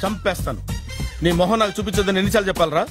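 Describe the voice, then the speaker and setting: A man's voice: high voice, very fast, music in the background, lightly acted. An actor playing a grumpy, bossy middle-aged boss who drops stiff broken English into his talk. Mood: annoyed. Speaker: boss and uncle.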